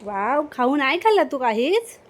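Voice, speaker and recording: A woman's voice: high voice, very animated, moderate pace. A woman vlogger casually talking to her small daughter, coaxing her with sing-song questions. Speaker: vlogger and mother. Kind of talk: casual talk to a toddler.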